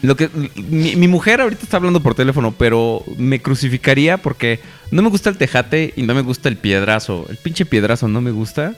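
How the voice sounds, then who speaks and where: A man's voice: medium pitch, big pitch swings, a little fast, few pauses, faint music behind. A man with a Mexican accent co-hosting a podcast in casual chat, telling jokes and laughing often. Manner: joking storyteller, laughs often. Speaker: podcast co-host.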